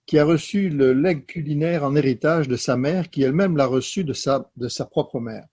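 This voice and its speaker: A man interviewing a guest, asking long, measured questions with pauses and fillers. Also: a little high, a little mellow, husky.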